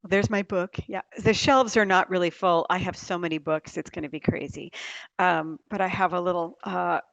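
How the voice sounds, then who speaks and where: A woman's voice: fairly low pitch, steady tone, normal speed, gravelly, fairly bright tone, no room sound, poor audio. A middle-aged woman telling rambling, chatty stories as a guest in a casual interview. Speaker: guest author. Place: small backyard writing shed, indoors.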